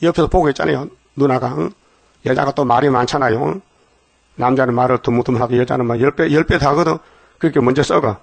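A man's voice: mid-range voice, fast, gravelly, no room sound. A man preaching a dawn sermon in a blunt, colloquial way, scolding his listeners and prodding them again and again with a rhetorical "eh?". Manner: plain-spoken and colloquial.

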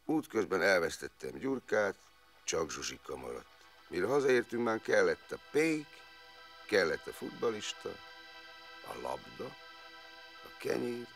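A man's voice: low-pitched, sing-song, long pauses, fairly bright tone, soft background music, exaggerated voice. An actor playing a plain-spoken former footballer who rambles through his wartime memories, stringing clauses together with fillers. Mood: rueful recollection. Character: rueful, plain-spoken man recalling wartime years. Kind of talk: film monologue.

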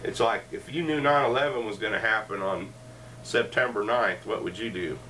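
In a cluttered living room, a middle-aged man hosts a joking, meandering chat full of asides, speaking in a lowish, sharp voice at a moderate pace. The distant mic of a fixed camera across the room records him along with faint room noise.

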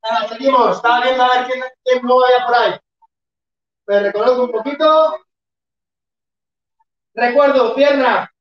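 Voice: mid-range voice, steady tone, measured pace, pauses often. Echoey lo-fi fitness instructor counting reps. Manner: counts reps and urges the class on, sometimes shouting. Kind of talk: live online workout class. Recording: echoey room, far from mic, dull lo-fi.

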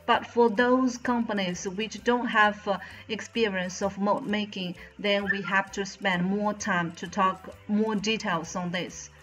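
Her mid-range voice stays fairly even in intonation, with a measured pace, few pauses and a slightly bright tone, though the recording is rough. She is a woman in her thirties from China with a Chinese accent, hosting a channel for a mold company and reading a scripted factory walkthrough in careful, slightly non-native English. The front-facing camera frames her medium close, indoors before a plain bright backdrop.

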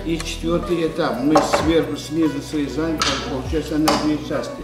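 A man's voice: fairly high pitch, steady tone, normal speed, recorded from a distance. A middle-aged man with an Uzbek accent in Russian, demonstrating his craft in short, practised phrases. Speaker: craftsman demonstrating wooden book stands. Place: souvenir shop, indoors. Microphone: camera a few steps away. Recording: echoey busy shop, off mic, music.

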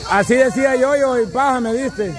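A man running an outdoor rope-crossing contest, giving brisk commands and repeating his calls. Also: very high voice. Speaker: event organizer calling a rope-crossing contest. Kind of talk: live instructions to teams outdoors.

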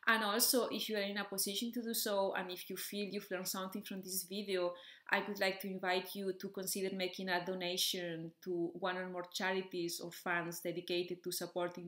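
A woman explaining a topic in a clear, methodical way as a music educator, often checking in with "okay" and "so". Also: lowish voice, flat delivery, moderate pace, a bit bright, echoey room. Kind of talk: explanatory video lesson.

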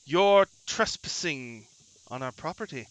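A man voicing a solemn, guarded servant of a swamp shrine, formal and measured in a tabletop game. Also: on the high side, animated, a bit bright, dry recording, low-quality recording.

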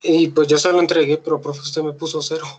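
A man's voice: a little high, flat delivery, a little fast, breathy edge. A male student, speaking politely and a little hesitantly to his teacher on an online class call. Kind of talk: casual question to the teacher.

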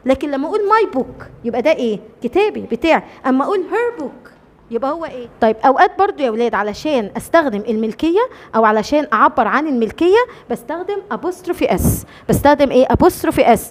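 A woman's voice: sits high, animated, fast. A woman with an Egyptian Arabic accent teaching children English grammar. She keeps asking questions, answers them herself and repeats the key words. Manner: calls children by name and coaxes them along.

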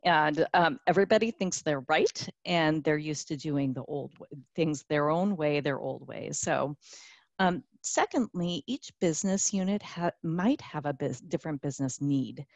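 Woman, webinar presenter, deep voice, upbeat, filler-heavy, dry close sound. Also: normal speed, dry recording. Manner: upbeat, with many fillers and restarts. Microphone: conference call line.

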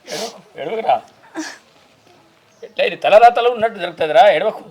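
An actor with a Telangana Telugu accent playing a worried rural father who consoles his daughter in a hurried way. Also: sits high, animated, darkish tone. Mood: consoling. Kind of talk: village short film acting.

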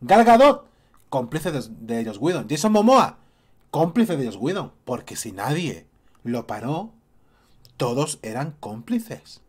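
A man's voice: medium pitch, sing-song, slow pace, darkish tone, husky. A man, ranting as a YouTube commentator, indignant and repeating his points. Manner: indignant, repeats points and mocks others in quotes. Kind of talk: opinion rant to camera.

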